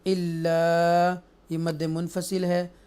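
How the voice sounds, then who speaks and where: A man teaches the rules of Quran recitation at an unhurried pace. His voice is smooth and clear, and he switches between explanation and slow, drawn-out chanted recitation. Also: a little high, fairly even intonation, darkish tone. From Pakistan. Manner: explains rules in Urdu mixed with English, then recites verses slowly and melodiously. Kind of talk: tajweed lesson, explaining and reciting.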